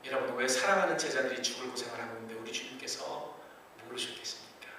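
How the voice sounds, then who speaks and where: A man preaching a sermon as pastor, swinging from soft, low passages to loud, high-pitched pleading. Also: quick pace, slight background noise. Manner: dramatic swings between soft and loud delivery. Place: church sanctuary. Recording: echoey church hall, mic at a distance.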